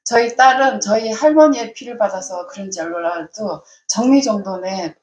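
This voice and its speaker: A woman in her fifties, a church deaconess, telling a personal faith testimony in an animated way and laughing often. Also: medium pitch, moderate pace. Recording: roomy echo.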